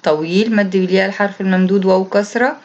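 Speaking very fast in a medium-pitched, darkish voice with fairly even intonation, an Egyptian-accented woman explains a lesson to young pupils as their primary school Arabic teacher. The recorded classroom explanation has lo-fi sound. She is patient and repetitive, reading each instruction aloud before explaining it.

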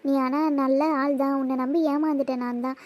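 A woman's voice: sits high, steady tone, a little fast, a little mellow, lightly acted. A woman voicing a hurt schoolgirl in a cartoon who talks bitterly and curtly. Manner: bitter, curt, sulky. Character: hurt, sulking schoolgirl Kaviya. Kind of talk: cartoon voice acting.

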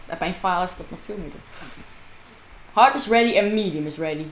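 In a room at home, a woman with a lowish voice chats casually to herself and her viewers while playing a game, talking a little fast. She's recorded on a desk microphone, and the sound is roomy.

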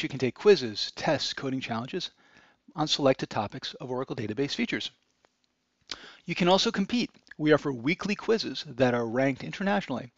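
Walking viewers through a website on screen, this demo presenter describes each click in an upbeat, step-by-step way. He has a gravelly, medium-pitched voice, recorded dry with a slightly dull quality.

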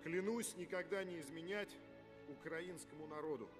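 An actor playing a solemn, dutiful naval officer who recites an oath in formal, measured phrases in a film drama. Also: male voice, on the high side, over loud music, natural voice.

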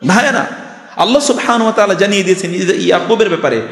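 A man's voice: high-pitched, expressive, rapid-fire. An older man from Bangladesh giving a Friday sermon, emphatic, full of rhetorical questions and storytelling. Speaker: preacher. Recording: echoey hall reverb.

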